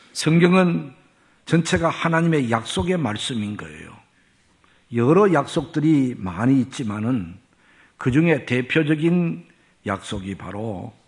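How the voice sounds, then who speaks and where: A man preaching a sermon, telling a story and then teaching in a measured way that rises for emphasis. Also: medium pitch, a little mellow. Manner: measured preaching with rising emphasis and drawn-out pauses. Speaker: pastor.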